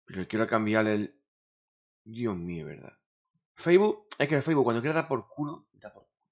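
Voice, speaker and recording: Grumbling streamer, lo-fi sound. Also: male voice, lowish voice, big pitch swings, moderate pace. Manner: grumbling, swears often, talks to himself. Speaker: gaming streamer. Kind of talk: casual streaming chatter. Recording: dull lo-fi sound.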